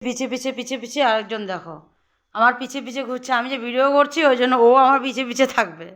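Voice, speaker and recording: Bright-voiced woman chatting through her day. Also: fairly high pitch, fast talker. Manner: chatty, narrating household chores to viewers. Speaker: vlogger, mother of two boys. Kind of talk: casual home vlog chat.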